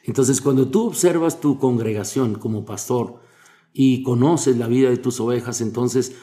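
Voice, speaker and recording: A man's voice: medium pitch, normal speed, warm tone. A man, a preacher, being interviewed, explaining sermon craft with Bible quotes and everyday examples. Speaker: guest preacher. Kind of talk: conversational interview about preaching.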